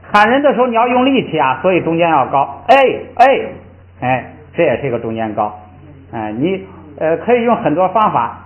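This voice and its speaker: An older man teaching Tibetan pronunciation in a lively classroom style, often drawing out and repeating syllables to show the tones. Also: fairly high pitch. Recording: tinny, echoey room sound.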